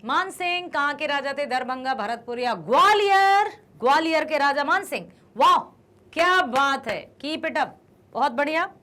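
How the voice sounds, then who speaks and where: A woman teacher with a high voice that climbs and falls a great deal. She takes her time and unhurriedly walks students through quiz questions, cheering on correct answers. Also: expressive, unhurried, bright, forceful tone. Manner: encouraging, asks questions and praises answers; stresses careful pronunciation. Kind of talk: Hindi quiz lesson for students.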